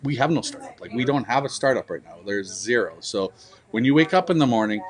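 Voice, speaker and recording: A man's voice: mid-range voice, animated, fairly quick. A man speaking as an interview guest, earnest and pleading, laughing often. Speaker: festival promoter guest. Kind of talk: casual interview chat.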